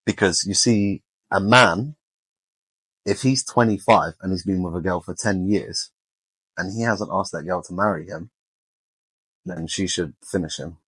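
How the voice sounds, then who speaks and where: A man's voice: low voice, a little slow, pauses often, fairly bright tone, breathy edge, no echo, rough recording. A man, talking casually and colloquially as a podcast co-host, giving his opinions.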